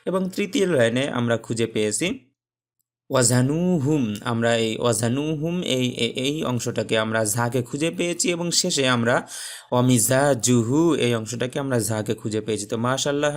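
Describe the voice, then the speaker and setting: A man teaching a recorded tajweed lesson, patient, with frequent pauses and fillers, stretching out the letter sounds he demonstrates. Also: mid-range voice. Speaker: Quran teacher.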